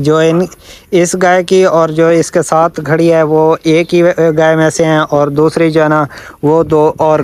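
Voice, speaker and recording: A man in his 20s, a cattle seller presenting his own sales vlog, speaks into a phone held at arm's length in an open-air farm yard. His voice is on the high side, a little mellow and smooth. He keeps repeating verbal filler phrases.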